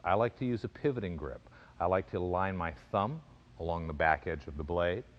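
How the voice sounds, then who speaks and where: A man giving an instructional fencing demonstration, explaining in a measured way and calling out crisp, clipped commands as an instructor. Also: low voice, dull audio. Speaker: fencing and self-defense instructor.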